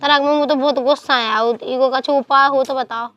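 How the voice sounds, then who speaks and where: Casting: woman as a hot-tempered rural wife, high voice, blunt complaints. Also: fairly even intonation, brisk, smooth, dry recording, dull audio, lightly acted. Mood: complaining. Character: short-tempered village wife, quick to anger. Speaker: angry wife. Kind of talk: rural comedy sketch acting.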